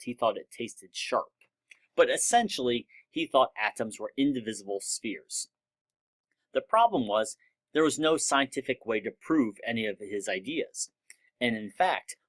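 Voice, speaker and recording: A man's voice: medium pitch, fairly bright tone. A man teaching a chemistry lesson over slides in a casual, explanatory way, with some fillers. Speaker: chemistry instructor. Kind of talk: recorded lecture over slides.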